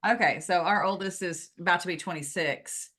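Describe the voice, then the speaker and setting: A woman's voice: lowish voice, moderate pace, fairly bright tone. A woman in her fifties hosting a casual podcast interview, playful and teasing, often laughing. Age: 50s. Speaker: podcast host.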